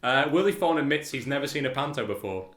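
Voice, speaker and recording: A man's voice: mid-range voice, expressive, fast, a bit bright. A man co-hosting a podcast in casual chat, rambling, stumbling over words and laughing often. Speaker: podcast co-host. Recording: roomy echo.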